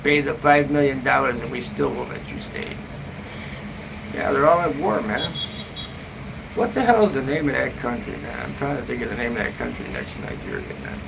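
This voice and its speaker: A gravelly, mid-range-voiced travel vlogger rambles through a casual live-stream update from an indoor hotel room at a moderate pace. He's blunt, profane and slangy, often ending phrases with "man," and a steady background hum makes the room noisy.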